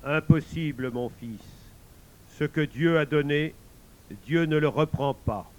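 A man reading a tale aloud, voicing an old, fatherly God who speaks in a calm, measured way. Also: on the high side.

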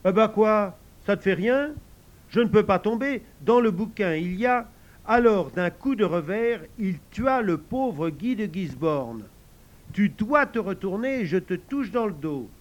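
Man doing a bold playful boy, theatrical, commanding, raised pitch, lively. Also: measured pace, highs cut off. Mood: boastful. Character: bold playful boy playing outlaw hero.

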